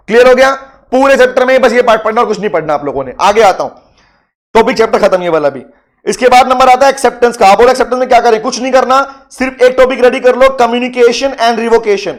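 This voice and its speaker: A man teaches law in a high voice. He runs a rapid, insistent exam revision and keeps repeating the key points. He mixes Hindi and as he goes. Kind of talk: live online exam revision lecture.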